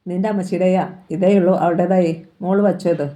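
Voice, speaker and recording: A woman reading the lines of a gruff, blunt older father in a novel, in a rough, commanding way. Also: fairly low pitch, fairly even intonation, a little fast, dark tone, close to an everyday voice. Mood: stern.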